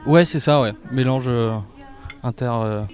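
A man's voice: medium pitch, unhurried, soft background music. Hesitant young man in a radio interview. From southern France. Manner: hesitant, many fillers, easygoing laughs. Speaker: guest musician. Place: outdoor festival park.

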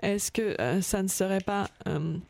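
A woman's voice: mid-range voice, unhurried, gravelly, darkish tone. A woman playing a nervous amateur painter lady who stammers and trails off from stage fright. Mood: flustered.

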